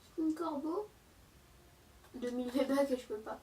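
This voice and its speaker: Speaking slowly in a high, slightly mellow voice, a young woman with a light cold and sore throat chats casually to viewers over her gameplay, leaning on lots of fillers. She's a gaming YouTuber, captured from afar in a reverberant space with a little hiss or hum.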